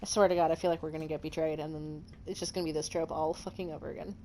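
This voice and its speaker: Fast-talking woman doing gameplay commentary. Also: low-pitched, steady tone, dark tone, a little hiss or hum. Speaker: video game player.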